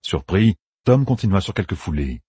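A man narrating a fantasy audiobook with expressive storytelling. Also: low voice, normal speed, husky, no room sound. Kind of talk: scripted narration.

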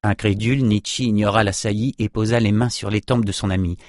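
A man narrating a fantasy novel in a steady, even storytelling voice. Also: fairly low pitch, fairly quick, dry recording, studio quality. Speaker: audiobook narrator.

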